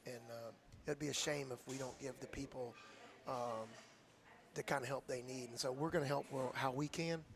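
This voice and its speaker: A man's voice: mid-range voice, steady tone, normal speed, creaky, a crowd in the background. A man, a football coach telling an earnest, heartfelt story in a radio interview. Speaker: high school football coach.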